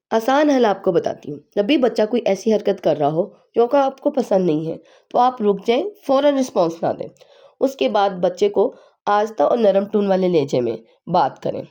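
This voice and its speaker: A woman speaks in a mellow, warm voice that sounds a little heavy and hoarse from a sore throat. She talks at a middle pitch, giving calm, explanatory parenting advice point by point, as in a home vlog. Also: highs cut off. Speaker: parenting vlogger.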